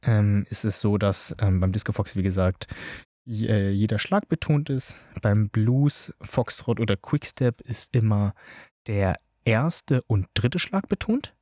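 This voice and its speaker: Casual male dance instructor, chatty, mellow lower voice, talks straight to camera. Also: lively intonation, unhurried, dry recording, studio quality. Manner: chatty, filler-heavy, addresses listeners directly. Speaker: dance teacher. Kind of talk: informal spoken tutorial.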